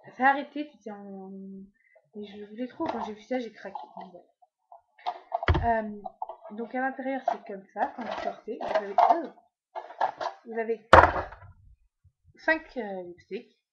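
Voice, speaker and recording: A woman's voice: a little high, measured pace, pauses often, muffled recording, heavy background noise. A woman chatting casually through a makeup haul at home, with many fillers and trailing asides. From France. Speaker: beauty vlogger. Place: at home, indoors.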